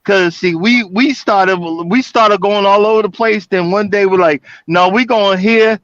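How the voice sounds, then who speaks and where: A man's voice: high voice, measured pace, fairly bright tone, no echo, muffled recording. A man chatting casually as a guest on a live stream, stammering and repeating words as he tells a story. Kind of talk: casual chat.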